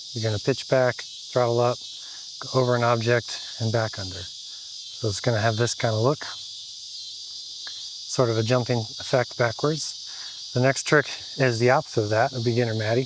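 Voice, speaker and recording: A man calmly breaks down drone maneuvers one step at a time. His voice sits in a middle range and stays casual. A faint layer of outdoor noise runs underneath. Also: medium pitch. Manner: relaxed step-by-step instructing. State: out of breath. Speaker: FPV drone pilot instructor. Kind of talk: casual tutorial explanation.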